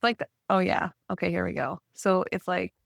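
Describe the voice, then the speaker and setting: In a studio-quality recording with no room sound, a woman from Canada talks at a moderate pace in a lowish voice marked by vocal fry. Her therapeutic conversation is informal and candid; as a client in a healing session, she rambles, reflects on herself, and keeps saying "like."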